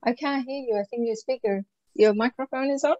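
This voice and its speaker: Hosting an online business call, a woman chats effusively and casually, jumping from one thought to the next. Her fairly high voice is warm and fairly quick, with no echo. The video call microphone makes the audio dull and lo-fi.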